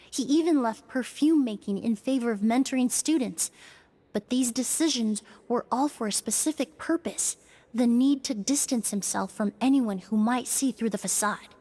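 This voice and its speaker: An actress playing a calm, analytical investigator in a video game, speaking in a measured, articulate, explanatory way. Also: female voice, fairly high pitch. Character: composed, analytical female perfumer investigator, calmly deducing. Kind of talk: scripted video game dialogue.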